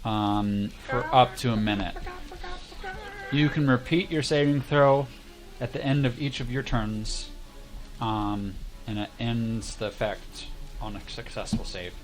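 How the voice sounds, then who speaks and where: Male, medium pitch, casual game master explaining rules and narrating, clear music underneath. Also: measured pace, rough recording.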